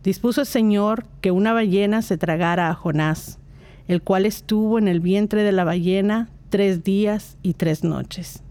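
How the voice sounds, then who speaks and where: A reader calmly reading an Old Testament passage in a measured liturgical style. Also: mid-range voice. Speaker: scripture reader.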